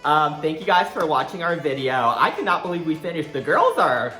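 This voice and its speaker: A man's voice: fairly high pitch, big pitch swings, brisk, pushed and bright. Campy guy chatting thru a review, sassy n slangy, echoey room w music. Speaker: co-host of drag show review. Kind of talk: casual chat, video review. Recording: roomy echo with music behind.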